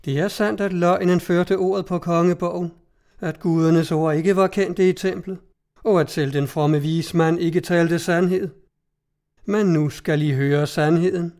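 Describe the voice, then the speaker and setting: A man's voice: sits high, fairly even intonation, a little mellow. A man voicing a bold young woman soothsayer in a storybook reading, with a raised, resonant address. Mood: declaiming.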